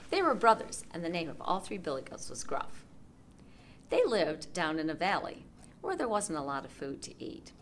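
A woman reading a children's story aloud at library storytime in an expressive, sing-song way. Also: fairly low pitch, moderate pace, a little hiss or hum.

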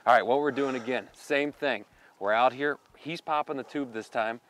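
A man's voice: medium pitch, normal speed. A man in his thirties hosting a fishing video, explaining technique and cheering catches outdoors on a lake boat. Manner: excited on-the-water banter. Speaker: fishing show host.

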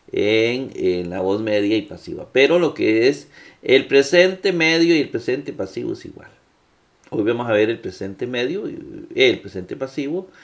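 A man teaching Greek grammar in a classroom lecture, patient and full of fillers. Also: mid-range voice. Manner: slow, patient, with many fillers and checks.

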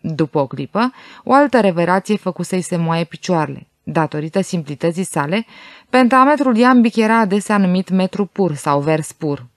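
A woman narrating an audiobook in a steady storytelling delivery. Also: lowish voice, dry recording, studio quality.

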